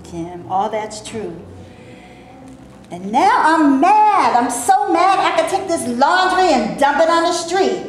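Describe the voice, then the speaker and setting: An actress at a staged play reading plays a maid who longs to act, wry and indignant and full of words, and the recording is heavily echoey with faint background noise. She takes her lines slowly in an exaggerated, sing-song way, her fairly high voice sounding bitter and angry.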